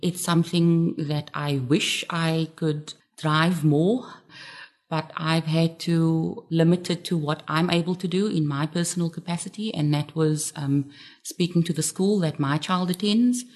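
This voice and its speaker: Low-pitched woman interviewee. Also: fairly even intonation, a little slow, a little mellow. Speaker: interview guest, parent. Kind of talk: candid radio interview.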